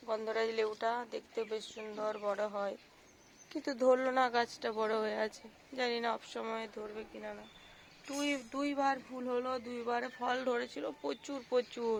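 Gravelly hoarse lady with a cold, chatty garden vlog, bit of outdoor noise. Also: on the high side. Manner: chatty, points things out to viewers. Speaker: gardening vlogger. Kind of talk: casual walk-through vlog.

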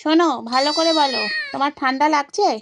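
A woman's voice: high voice, fairly even intonation, fast talker, background noise. A woman vlogger chatting playfully to her cats and to viewers, coaxing and teasing them. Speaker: pet vlogger. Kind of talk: casual chat to pets and viewers.

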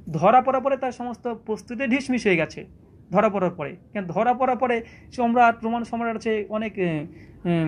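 A man giving a polemical religious lecture as a debater, arguing with rhetorical questions and quoting scripture. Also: high voice.

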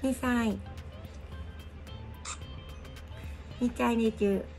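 A woman's voice: a little high, steady tone, a little slow, creaky, a little mellow, faint music behind. A woman playing a coy, innocent three-year-old in lisping baby talk during a prank call. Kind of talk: prank role-play on a call.

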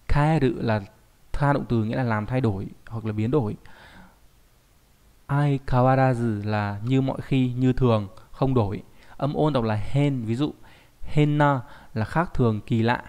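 A man's voice: mid-range voice, a little mellow. A man teaching kanji in an online lesson, explaining patiently and often checking in with the learner through tag questions. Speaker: Japanese language teacher.

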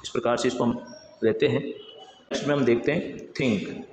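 A man's voice: medium pitch, fairly even intonation, normal speed, a little mellow. A man teaching English pronunciation, explaining patiently and spelling words out letter by letter. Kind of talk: explanatory lesson. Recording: echoey room with faint background noise.

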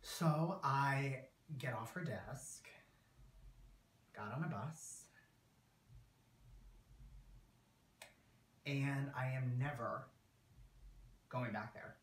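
A young man acting a dramatic monologue as a wounded, angry abused teenager, tragic and sorrowful, halting with bitter edges. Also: mid-range voice, close to an everyday voice. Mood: wounded, defiant. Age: young adult. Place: small indoor room against a plain wall. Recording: roomy echo, recorded at a distance.

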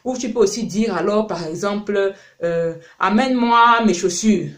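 A man's voice: high-pitched, normal speed, fairly bright tone. A man from France, a parent and channel host, giving a casual spoken lesson, chatty with lots of fillers and repeated words.

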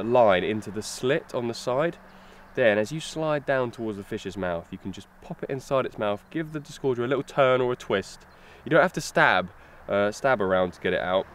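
A young man giving a lakeside fishing tutorial, explaining steps in a relaxed way with fillers as he handles his gear. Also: mid-range voice, normal speed. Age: young adult. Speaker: fishing instructor. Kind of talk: outdoor tutorial demonstration. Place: lakeside outdoors. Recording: faint outdoor noise.

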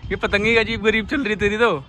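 Excitable young man vlogging on a rooftop. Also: high-pitched, fairly quick, faint music behind. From India. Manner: excitable, laughing, urging a friend on. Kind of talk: casual vlog commentary. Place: rooftop outdoors in a city. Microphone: phone camera held by the speaker.

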